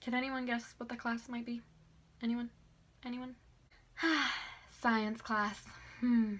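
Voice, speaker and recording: Bright, chatty woman telling a story. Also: on the high side, slow pace. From Venezuela. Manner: chatty, animated, laughs often. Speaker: beauty vlogger. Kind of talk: storytime vlog.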